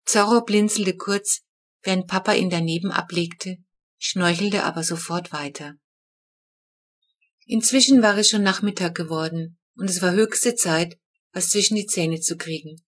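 A woman's voice: on the low side, unhurried. Woman narrating a children's story. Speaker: audiobook narrator. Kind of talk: scripted narration.

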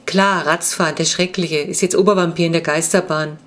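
A woman voicing a lively young girl who teases her brother. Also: fairly low pitch, lightly acted. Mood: teasing. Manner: quick and teasing.

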